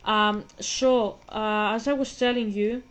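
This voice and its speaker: Speaking slowly in a medium-pitched, slightly bright voice with fairly even intonation, a twenty-five-year-old vlogger from Greece talks to her audience in English. Greek is her native tongue, and her casual commentary rambles and keeps interrupting itself.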